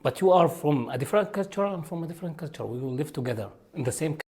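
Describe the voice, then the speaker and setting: A man's voice: on the high side, lively intonation, fast, darkish tone. A man from Palestine, an activist, speaking earnestly in simple phrases in a panel discussion. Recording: faint background music.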